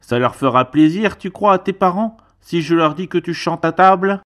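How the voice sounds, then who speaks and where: A man voicing a stern middle-aged uncle who scolds loudly in a raised voice. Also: normal speed, natural voice. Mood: scolding. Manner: loud, reproachful, raised pitch.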